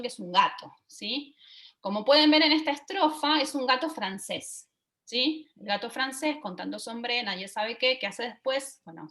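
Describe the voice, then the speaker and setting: A woman, giving an online teaching talk over a video call and often pausing to check that listeners are following. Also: on the high side, pushed and bright. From Argentina. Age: 40s. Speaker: lecturer.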